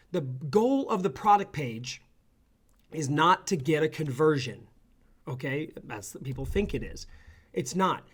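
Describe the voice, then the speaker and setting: With an energetic, chatty manner, a male ecommerce consultant walks through a screen-share tutorial, tagging each point with "okay?" or "right?". He speaks in a slightly high voice.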